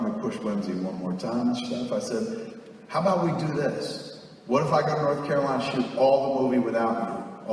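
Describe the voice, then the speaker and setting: Here the stage storyteller, a man in his 40s, has a lowish voice with a little hiss or hum in the recording. Far from the mic in an echoey hall with long reverb, he curses freely, stays animated, and acts out quoted voices for a live theater crowd.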